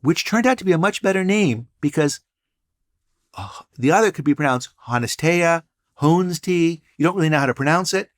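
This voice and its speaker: A man's voice: a little high, animated, quick pace. An older man, a guest entrepreneur and professor, telling stories in a casual interview with dry, punning humor. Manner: storytelling, wry and punning.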